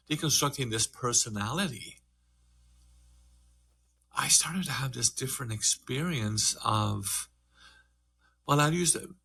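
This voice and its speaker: An older Irish man, a meditation teacher, shares his own story in a group conversation, sounding earnest and reflective. His mid-range voice is creaky with a sharp tone, and his pace shifts between slow and fast.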